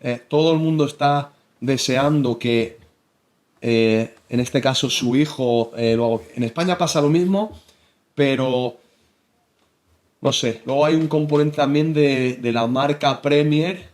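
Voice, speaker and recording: A young Spanish man with a Spain Spanish accent, a football analyst chatting in an interview, halting with many restarts. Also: medium pitch, a little mellow. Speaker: football analyst and coach, guest. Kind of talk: casual interview chat.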